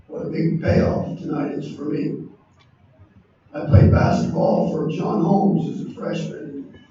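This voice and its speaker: Hoarse coach in his 60s thanking folks, dull muffled sound, faint hiss, big echoey room. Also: fairly high pitch, mellow. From Indiana, USA. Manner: earnest, lists names and values. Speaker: award inductee, basketball coach. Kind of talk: acceptance speech. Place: large banquet hall. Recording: echoey hall, distant muffled mic, faint noise.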